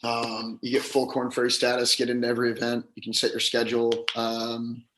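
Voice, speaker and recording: Male, voice a little gone, hoarse, casual interview chat, pro golfer guest, echoey room. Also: medium pitch, monotone, fairly quick, a bit bright, slight background noise. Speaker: professional golfer, podcast guest.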